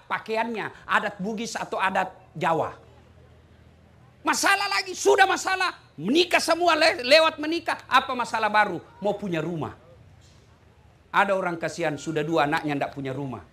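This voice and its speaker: A middle-aged male preacher with a Makassar Indonesian accent, giving a humorous sermon full of jokes. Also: high voice. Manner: lively, joking, sings song snippets.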